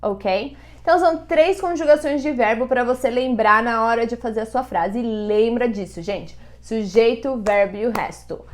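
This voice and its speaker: A young woman whose first language is Portuguese, teaching English grammar in a lively explanatory way and slowing down to say the English examples. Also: on the high side.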